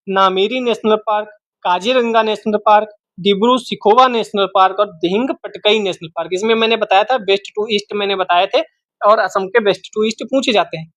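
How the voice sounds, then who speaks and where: A man's voice: high-pitched, fairly bright tone, dry recording. A man teaching an exam-prep geography lesson, repeating each name several times and quizzing the listener as he goes. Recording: dull, dry, lo-fi home recording.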